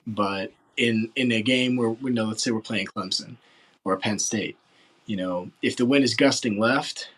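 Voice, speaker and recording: An earnest man in his late teens from West Virginia, answering an interview with a somewhat low voice. He rambles a little and leans on filler words as he talks. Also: a little slow, a bit bright, slightly rough, low-quality recording. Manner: earnest, rambling, full of "you know" fillers. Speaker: football recruit interviewee.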